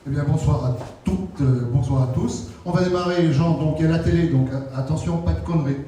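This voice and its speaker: A man's voice: a little high, a little fast, mellow, slight background noise. A man announcing a tournament draw in a chatty way, with joking asides and restarts. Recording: echoey hall from far off.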